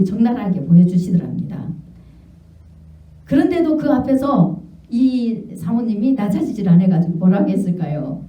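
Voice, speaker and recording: A woman pastor preaching a sermon, telling a story and acting out the voices in it. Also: mid-range voice. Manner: animated storytelling preacher, acts out quoted dialogue. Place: church sanctuary. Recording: echoey hall, distant mic, dull sound.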